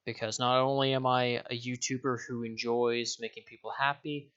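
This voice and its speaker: A man's voice: medium pitch, level tone, moderate pace, fairly bright tone, clear, resonant tone, lo-fi sound. A young man from Denmark, a YouTuber, talking casually to his viewers, rambling, correcting himself and swearing offhand. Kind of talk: casual direct-to-camera vlog.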